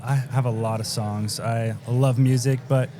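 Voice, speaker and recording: A man's voice: medium pitch, fairly even intonation, measured pace, dark tone. A man chatting casually as a podcast guest, with self-deprecating jokes. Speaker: sales rep, podcast guest. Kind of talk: casual banter. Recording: clear chatter of people behind.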